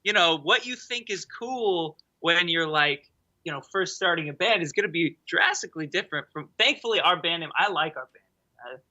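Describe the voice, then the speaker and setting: A man's voice: fairly high pitch, expressive, normal speed, pushed and bright, muffled recording. A man, a band member, chatting casually in an easygoing, agreeable way. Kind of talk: casual chat.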